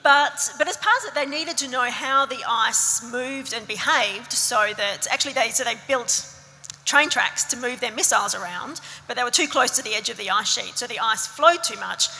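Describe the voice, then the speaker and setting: A woman scientist recounts a story on a panel stage in a chatty, easygoing way. Her voice sits a bit high, bright, with creak. A long hall reverb trails behind her handheld mic. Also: normal speed. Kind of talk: panel discussion answer.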